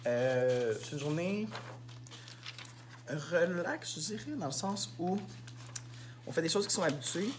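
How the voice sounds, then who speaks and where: A man's voice: a little high, background noise. Chatty Québécois man vlogging his teaching day. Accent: Québécois French. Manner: candid, rambling, heavy on fillers. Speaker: elementary school teacher. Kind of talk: casual vlog diary.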